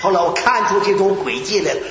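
Animated older man preaching in echoey hall. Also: sits high, quick pace. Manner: animated storytelling, acting out shouts and prayers, laughing. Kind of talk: sermon with personal stories. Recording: echoey hall, dull lo-fi sound, faint hiss.

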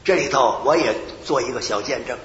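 An older man preaching a sermon, telling personal stories with lively shouts, prayers and laughter. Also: mid-range voice, fairly quick. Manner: animated storytelling, acting out shouts and prayers, laughing. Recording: echoey hall, dull lo-fi sound, faint hiss.

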